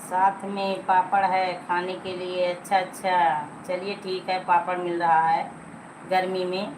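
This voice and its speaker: A woman's voice: on the low side, flat delivery, measured pace, background noise. A middle-aged woman hosting a casual live stream, chatting with viewers, teasing them and coaxing them to like and comment. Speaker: livestream host.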